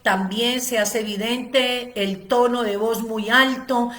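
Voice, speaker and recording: A woman's voice: fairly high pitch, fairly even intonation, takes it slowly, fairly bright tone. A woman giving a spoken lecture on ADHD, explaining at length with frequent "eh" fillers and long lists. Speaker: ADHD educator giving a seminar.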